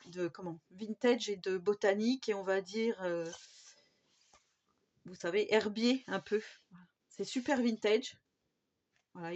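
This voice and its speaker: A woman's voice: mid-range voice, darkish tone. A woman from France in a casual scrapbooking haul video, chatting her way through craft paper pads with lots of fillers and restarts. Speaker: scrapbooking YouTuber. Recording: slightly dull home recording with faint background noise.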